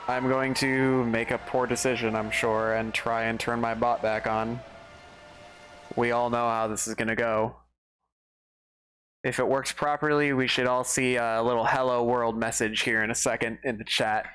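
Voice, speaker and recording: A man's voice: mid-range voice, level tone, normal speed, a bit bright. A man doing casual let's play commentary on a game stream, sometimes reading the dialogue aloud. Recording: game music behind. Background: game music.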